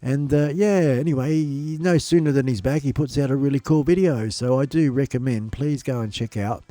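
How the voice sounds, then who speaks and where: A livestream host with a mid-range, dark voice talks at normal speed, with no room sound, sounding slightly nasal because his nose is blocked. His casual chat rambles along in a loose, upbeat, repetitive manner over faint background music.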